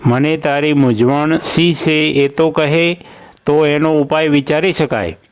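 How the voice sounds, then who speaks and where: A man's voice: a little high, steady tone, takes it slowly, clear, resonant tone. A man voicing a worried middle-aged priest father in a storybook tale, speaking earnestly and at times in exasperation. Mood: coaxing.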